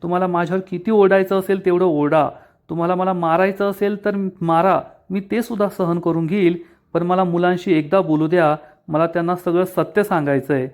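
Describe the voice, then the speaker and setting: A man's voice: high voice, steady tone, fairly quick, a little mellow, lightly acted. A man reading the lines of a remorseful young woman in a serial recap, pleading and apologetic.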